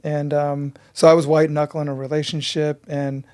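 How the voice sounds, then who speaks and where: A man's voice: fairly high pitch, level tone, normal speed, darkish tone, smooth. A man in his fifties, a breathwork teacher telling his story with earnest intensity in an interview.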